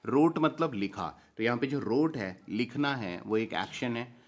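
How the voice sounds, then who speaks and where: A man with an Indian accent teaching a grammar lesson, repeating key phrases and reading English examples slowly and deliberately. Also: medium pitch, expressive.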